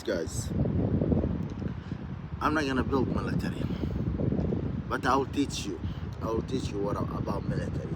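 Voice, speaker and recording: A man's voice: mid-range voice, heavy background noise. A man from Somalia talking to his viewers in a loose, rambling vlog, repeating himself and asking "you know what I mean". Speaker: vlogger. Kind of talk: casual rambling monologue.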